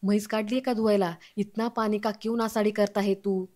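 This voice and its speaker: A man's voice: high voice, flat delivery, a little fast, a little mellow, close to an everyday voice. A woman voicing a strict, grumpy old grandfather who scolds and mocks everyone in a recap of a TV serial. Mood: scolding. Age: older. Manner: scolding, sarcastic.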